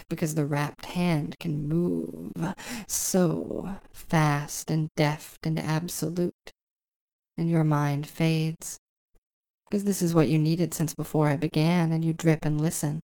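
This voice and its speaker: A woman doing intimate, scripted hypnosis narration in slow, flowing, repetitive phrases. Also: deep voice, a little mellow. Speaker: audio hypnotist.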